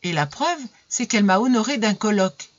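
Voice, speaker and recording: Expressive woman reading aloud, lo-fi. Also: fairly quick, no room sound. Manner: lively, voices characters with pitch jumps. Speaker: audiobook reader. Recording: dull lo-fi recording.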